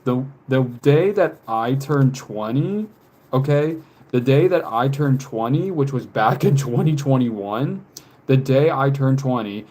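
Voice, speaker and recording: Drawing on a live stream, a twenty-something man rambles casually, laughing often and reading out viewers' chat messages. His voice is medium in pitch with a darkish tone.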